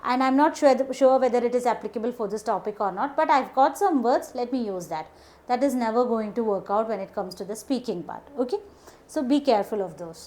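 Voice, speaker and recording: A woman tutor with a Malayali English accent leads a classroom-style lesson in a fairly high voice. She spells out each English point slowly and deliberately, then rattles off the explanation in Malayalam, marking every step with "okay". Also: a little mellow.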